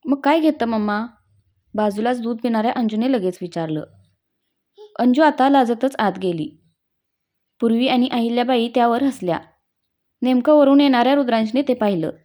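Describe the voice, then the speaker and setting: Mellow woman narrating a story. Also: fairly high pitch, normal speed, long pauses.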